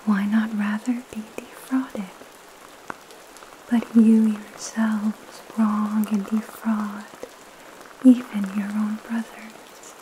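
A young woman whispers in a soothing, breathy ASMR style. Her delivery is slow and very level, gentle and calming, with pauses between phrases. Light rain patters behind her close voice. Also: medium pitch, slight background noise, low-quality recording. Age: young adult. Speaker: ASMR host reading scripture and praying. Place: small indoor room at home. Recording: steady rain sound behind the voice.

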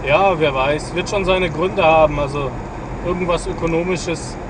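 A man driving on the highway, chatting casually over CB radio with frequent hesitations. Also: fairly even intonation, normal speed. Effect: heard over CB radio. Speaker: driver on the highway. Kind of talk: casual chat. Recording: distant CB radio voice with heavy road noise.

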